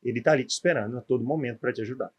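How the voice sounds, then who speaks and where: Talking very fast with a breathy edge, this medium-pitched man is heard on a muffled recording. He is a former footballer in his forties with a gaúcho accent from southern Brazil, telling his story in a podcast interview and often using tag questions.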